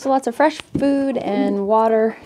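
A woman's voice: fairly high pitch, a little slow, background noise. A woman from Canada in her forties, casually explaining her chores as she films herself outdoors by a snowy hen house on a handheld phone. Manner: relaxed, chatty, thinking aloud. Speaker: homesteading vlogger. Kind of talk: casual how-to narration.

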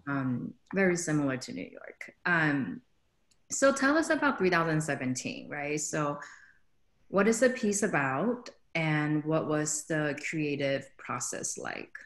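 A woman hosting an interview as a dance company director, talking on a video call from a small room, relaxed and quick to laugh. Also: low-pitched, echoey room. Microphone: laptop webcam on a video call.

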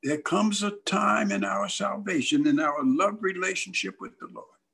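An older male evangelist preaching a storytelling sermon with dramatic flair. His voice sits high for a man and has a husky, breathy edge. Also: moderate pace, pushed and bright. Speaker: evangelist pastor.

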